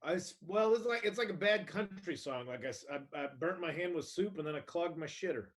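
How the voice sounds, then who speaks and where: A man's voice: fairly high pitch, lively intonation, a little fast. A man co-hosting a comedy podcast, rambling with stammered restarts and heavy sarcasm. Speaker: podcast co-host. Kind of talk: casual comedy chat.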